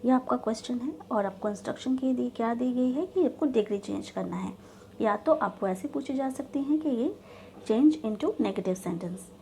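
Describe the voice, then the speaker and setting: A woman teaching an English grammar lesson, explaining step by step and reading example sentences out slowly. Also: on the high side, lively intonation, vocal fry, dark tone. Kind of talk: classroom-style grammar lesson.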